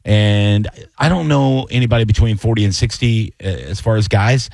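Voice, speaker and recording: A man's voice: fairly low pitch, normal speed, gravelly, darkish tone, no room sound. A middle-aged man hosting a radio call-in show, joking casually with his co-host and callers. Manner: laid-back, joking, calls people bro and dude.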